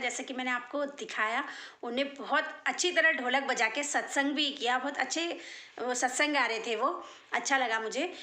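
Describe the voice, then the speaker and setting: A woman's voice: a little high, pushed and bright, roomy sound. A woman in her thirties chatting to her viewers in a casual daily vlog, heartfelt and direct. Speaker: vlogger.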